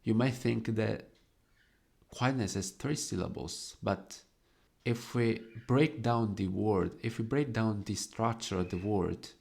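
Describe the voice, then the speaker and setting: A young man slowly explaining the devices in his own poem, lingering over each quoted verse word. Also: on the low side, vocal fry, darkish tone. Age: young adult.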